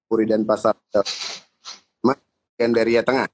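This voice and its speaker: A man guesting on a podcast over a video call, speaking in a halting way that repeats words, his audio choppy and cutting out. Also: lowish voice, completely flat delivery. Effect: choppy, cutting-out internet call audio. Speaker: cafe founder, podcast guest.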